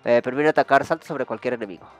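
A man's voice: medium pitch, quick pace, faint music behind. A man with a Mexican Spanish accent giving casual gameplay commentary and musing aloud. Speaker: gaming YouTuber.

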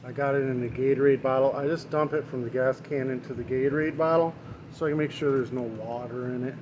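A mechanic works on a small engine in his shop, explaining the repair casually and fast in a steady mid-range voice. He stays out of frame, and the camera mic gives a muffled recording full of engine and workshop noise from the running motor.

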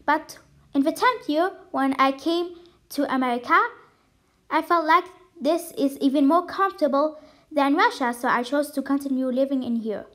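A woman's voice: high voice, moderate pace, natural voice. A young woman voicing Estelle, an eager, friendly ten-year-old girl in a homemade cartoon, talking in a chirpy way.

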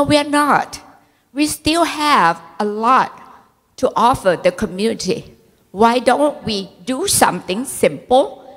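A woman in her sixties in the audience, speaking earnestly into a handheld mic, pleading and hesitating with fillers as she talks. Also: on the high side. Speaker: audience member. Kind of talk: impassioned public comment. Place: large dark conference hall, among the audience. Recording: hall reverb.

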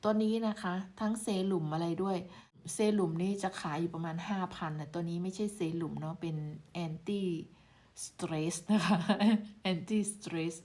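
Chatty low-voiced woman reviewing creams. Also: fairly quick, warm tone. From Thailand. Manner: chatty, exclaiming while showing products. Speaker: beauty product reviewer. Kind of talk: casual product review vlog.

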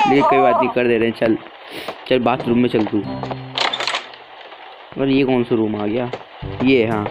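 A man's voice: mid-range voice, lo-fi sound. Chatty gamer man over game music. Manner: chatty, keeps addressing viewers as guys. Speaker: gaming YouTuber. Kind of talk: casual let's-play commentary.

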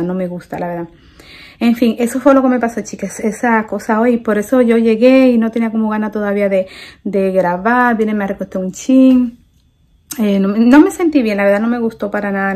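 A young woman with a Dominican Spanish accent, telling a story in a chatty vlog and repeating phrases for emphasis. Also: mid-range voice. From Dominican Republic. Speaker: vlogger.

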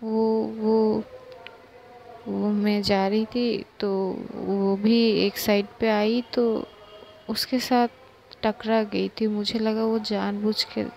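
A woman voicing a remorseful young woman who speaks haltingly and quietly, in a slightly gravelly voice. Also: mid-range voice, little pitch movement, a little hiss or hum, poor audio.

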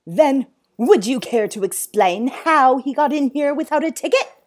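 In a storybook reading, a woman with an expressive, unhurried voice plays a pompous male zoo owner in a fury. She booms and bellows, blustering indignantly and firing off emphatic questions.

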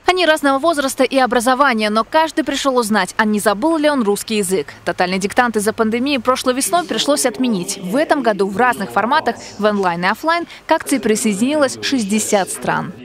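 A woman narrates a news report from a script. Her voice is on the high side, in a reporter's delivery. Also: lively intonation, brisk, hardly any pauses, crowd noise.

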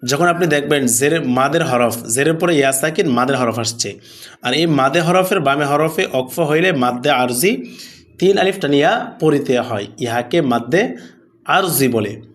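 A man teaching Quran recitation rules, stretching out words slowly as he recites, then explaining the rules and answering his own questions. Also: a little high, lively intonation. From Bangladesh. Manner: asks questions and answers them himself. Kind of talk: Quran lesson with slow drawn-out recitation and explanation.

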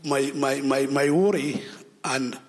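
A man's voice: medium pitch, fairly even intonation. A man, from Sudan, asking a long question in a conference hall, stumbling over repeated words. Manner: halting, many repeated words and restarts. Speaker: audience member asking a question.

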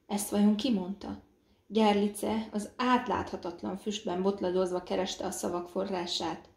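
A woman narrates an audiobook in a measured, dramatic reading. Her voice has a gravelly texture, and the recording carries a roomy echo. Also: mid-range voice, fairly even intonation, a little mellow. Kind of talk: scripted narration.

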